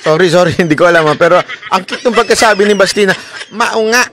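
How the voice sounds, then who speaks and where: A man's voice: high-pitched, very fast, background noise. A man from the Philippines giving casual, chatty political commentary, laughing often and talking straight to his viewers.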